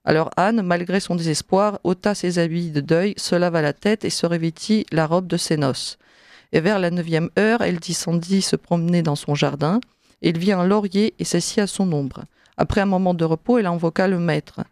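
A woman reading a religious text aloud in a measured, solemn way, then giving her commentary on it, with the odd slip. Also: fairly low pitch, a little mellow, no echo, studio quality. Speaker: reader and commentator.

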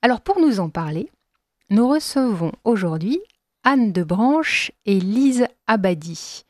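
A woman hosting a radio talk show, introducing guests in a measured way. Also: mid-range voice, very animated, no room sound. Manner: measured, slowing on key phrases, light laughs. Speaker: radio host.

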